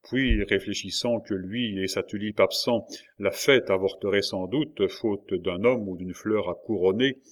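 A man narrating an audiobook in a measured, solemn way. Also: lowish voice. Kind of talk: audiobook reading.

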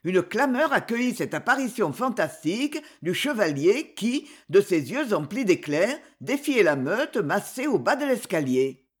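Slow, husky-voiced audiobook narrator. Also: mid-range voice. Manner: slow, expressive storytelling.

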